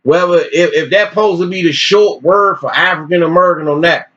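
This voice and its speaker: Brief: man, fairly high voice, animated preachy teacher, muffled lo-fi recording. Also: brisk. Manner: animated, preachy, repeats phrases. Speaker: religious teacher. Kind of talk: informal teaching, reading articles aloud with commentary. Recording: dull lo-fi recording.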